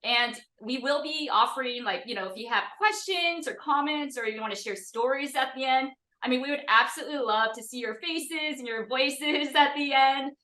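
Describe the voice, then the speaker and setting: A woman's voice: high voice, normal speed, hardly any pauses, reverberant. A woman hosting a community video call, chatty and full of fillers. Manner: chatty, lots of fillers, warm thanks. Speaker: community host.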